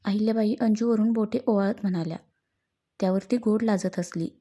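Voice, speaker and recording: Woman narrating a story, very dark tone. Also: medium pitch, steady tone, fairly quick.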